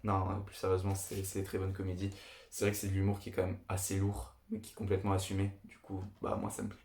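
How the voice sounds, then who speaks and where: A young man with a lowish voice talks through his favourite films in a casual, eager monologue. He repeats himself often and gushes about what he likes. His voice rings in an echoey room. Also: completely flat delivery, fast, a little mellow, slight background noise. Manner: enthusiastic, repetitive, chatty. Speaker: video host. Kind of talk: casual film review monologue.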